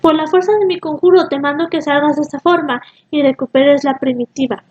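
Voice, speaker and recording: Woman doing a vengeful sorceress, high voice, dull lo-fi sound, storybook reading. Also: steady tone, a little fast, darkish tone, lightly acted. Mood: commanding. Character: cruel vengeful sorceress woman, pleading to her lover.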